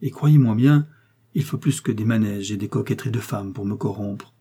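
A man's voice: on the low side, normal speed, warm tone, husky. A man voicing an impassive young officer who answers stiffly and coldly, in an audiobook reading. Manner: cold, stiff, disgusted.

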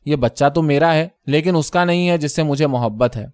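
A man reading the lines of a composed young woman in a story, speaking calmly and matter-of-factly. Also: on the high side, no room sound, close to an everyday voice. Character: calm self-assured young beautiful woman.

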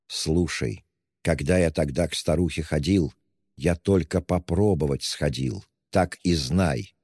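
A tormented young killer, brooding, very deep, dark tone, read by a man; audiobook. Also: unhurried, slightly rough, no room sound, clean studio sound, long reverb tail, heavily acted. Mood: desperate. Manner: brooding, intense. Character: tormented young male murderer, feverish and brooding. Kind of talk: audiobook reading.

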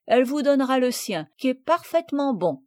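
A woman's voice: sits high, sing-song, fairly quick, dry recording, clean studio sound, pitched above the performer's own voice. A woman reading aloud and voicing a kindly, talkative peasant boy with earnest country speech. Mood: earnest, consoling.

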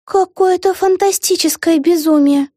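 A woman's voice: extremely high pitch, unhurried, mellow, no echo, clean studio sound, pitched above the performer's own voice. A woman voicing an earnest, sensible young witch girl in a storybook reading.

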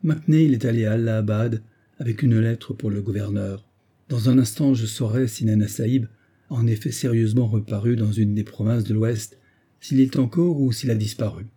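A man voicing a grave, vengeful retired colonel with a husky voice, speaking in solemn, insistent declamation. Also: lowish voice, moderate pace, mellow. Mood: determined.

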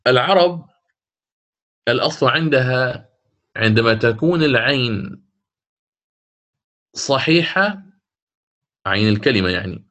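A man with a North African Arabic accent teaching a lesson on Quran recitation rules. He explains, then slows down to recite the example words. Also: medium pitch, lively intonation, fairly bright tone.

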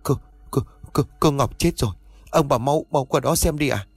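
A man's voice: a little high, fairly quick, no echo, pitched above the performer's own voice, natural voice. A man voicing a panicked young male servant who stammers and pants, in a spoken horror story. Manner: stammering, breathless.

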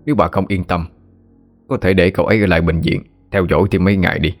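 A man's voice: sits low, fairly even intonation, fast, soft background music. A male narrator voicing a composed hospital doctor, formal and regretful.

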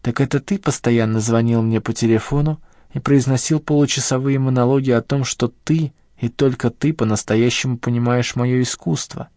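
A man's voice: mid-range voice, steady tone, moderate pace, dark tone, no room sound, clean studio sound, natural voice. A man reading an audiobook and voicing a captive young woman who speaks in a tired, contemptuous, ironic way. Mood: weary, scornful.

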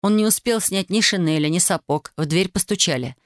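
A woman's voice: lowish voice, brisk, no echo. Woman narrating an audiobook, dry and close.

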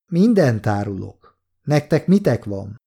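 A man voicing a gruff bearded giant trader. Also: mid-range voice, big pitch swings, warm tone, exaggerated voice. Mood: wary. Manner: blunt, terse dealer's talk. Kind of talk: audiobook character voice.

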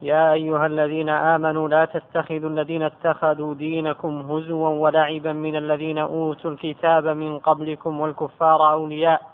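High-voiced man reading a text aloud. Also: smooth. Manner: measured, careful recitation. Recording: tinny phone-like lo-fi recording.

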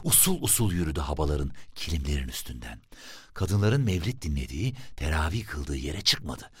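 Husky-voiced man telling a story. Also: extremely low pitch, moderate pace, dry recording. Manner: expressive, lively storytelling with sudden rises. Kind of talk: scripted story narration.

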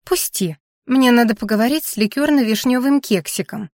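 A woman's voice: on the high side, normal speed, darkish tone, no echo, studio quality, pitched above the performer's own voice, close to an everyday voice. Woman playing a gushing, tearful blue cat. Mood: excited. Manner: showers endearments.

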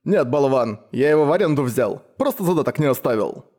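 A man voicing a brash, boastful biker who talks loudly and mockingly, with a raised, swaggering voice. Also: mid-range voice, lively intonation, fairly quick, close to an everyday voice. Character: brash boastful male biker, loud and cocky.

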